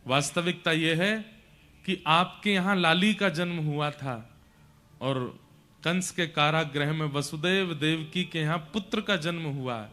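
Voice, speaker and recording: Man putting on a grave hesitant messenger guy, voice dropped lower and quieter, solemn and careful. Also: slow pace. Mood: grave, reluctant. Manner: grave, reluctant. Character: solemn, hesitant male royal messenger Akrur.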